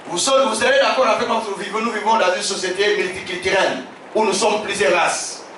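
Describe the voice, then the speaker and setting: Bishop preaching loud, really high voice, far off the mic, big echo all round. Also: male voice, steady tone, brisk, slight background noise. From Africa. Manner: emphatic, repeats phrases, shouts key lines. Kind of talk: sermon. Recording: very echoey hall, distant from the mic.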